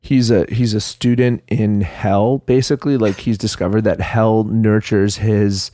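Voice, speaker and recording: A man's voice: on the low side, fairly even intonation, measured pace, warm tone, dry recording, studio quality. A man with a nasal voice chatting casually over a remote call, rambling with fillers and restarts. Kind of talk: casual chat.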